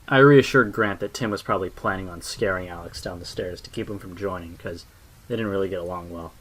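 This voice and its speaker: A man narrating a horror story in a low, hushed voice with dark asides.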